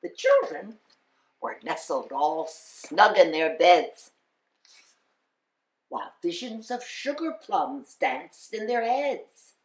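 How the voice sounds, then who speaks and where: A woman reading a children's picture-book poem aloud as a storyteller, theatrical and deliberate, with dramatic pauses. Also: on the low side, sing-song. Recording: roomy, echoing voice recording.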